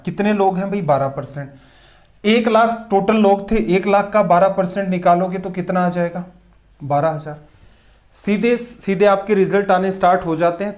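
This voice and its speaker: A man's voice: high voice, a little mellow. A man teaching a competitive-exam math lesson, asking questions and answering them himself, with emphatic repetition.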